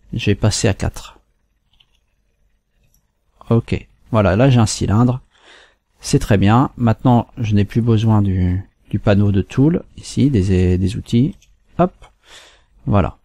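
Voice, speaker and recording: A man from France hosting a screen-recorded software tutorial, walking through steps calmly with fillers and restarts. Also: fairly low pitch, gravelly, no echo. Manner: unhurried, step-by-step with fillers and restarts. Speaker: tutorial host.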